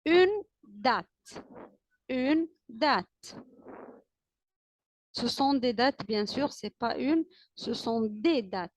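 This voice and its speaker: A female teacher with an Arabic-speaking accent runs a classroom alphabet lesson, repeating letters and words slowly and drawing them out while praising often. Her voice is a little high with lively intonation, and there's no echo.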